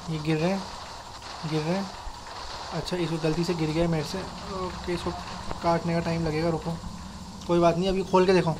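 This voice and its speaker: A young man hosting a gaming channel casually narrates his own Minecraft gameplay in a tutorial voice-over, chatting informally and directly to viewers as if they were friends. His voice is fairly high, and there's background noise.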